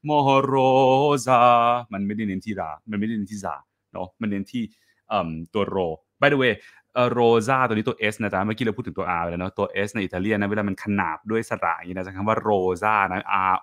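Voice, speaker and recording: A man's voice: fairly low pitch, fairly even intonation, a little fast, a bit bright. A man teaching a classical singing masterclass online. He talks in a friendly, encouraging way, sings short phrases to demonstrate, and drops English and Italian musical terms into his speech.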